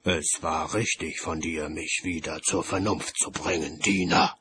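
Ancient reaper voice, cavernous, gravelly, slow, cold, audiobook. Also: male voice, steady tone, sharp tone, full character voice. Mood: resolute. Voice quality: very deep, gravelly, slow and measured. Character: Death, an ancient cold skeletal male reaper. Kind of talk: audiobook character voice.

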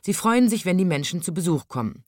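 A woman reading a children's story aloud with an expressive storytelling lilt. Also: fairly low pitch, brisk, no room sound, clean studio sound.

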